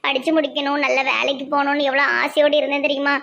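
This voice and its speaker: A woman's voice: high voice, flat delivery, fast, vocal fry, highs cut off. A woman doing a tearful young college girl with a Tirunelveli accent. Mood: despairing. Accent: Tirunelveli Tamil. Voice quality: soft, tearful. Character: anxious young female college student. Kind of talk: cartoon voice acting.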